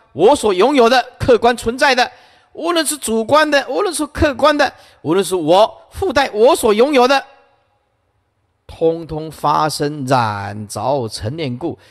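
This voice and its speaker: A man giving an emphatic Buddhist sutra lecture, storytelling with frequent interjections. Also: high-pitched. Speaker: Buddhist dharma teacher. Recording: long hall reverb.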